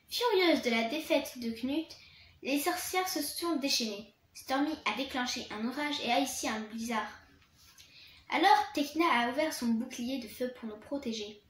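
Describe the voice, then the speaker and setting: A woman's voice: sits high, roomy sound. A woman reading a children's storybook aloud in the first person, stumbling now and then and restarting words. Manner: reads with occasional restarts and slips.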